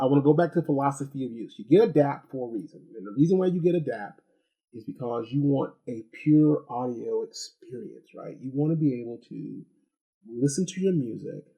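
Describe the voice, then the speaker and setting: The recording is muffled as this man, a gadget review host, gives an unscripted, casual review. His medium pitch is creaky with a breathy edge, and he rambles, repeats himself, and throws in asides and "right?" check-ins.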